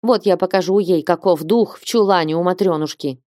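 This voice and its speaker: A woman voicing a stern older nun who shouts loud scolding orders. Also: fairly low pitch, brisk, no room sound, studio quality, close to an everyday voice.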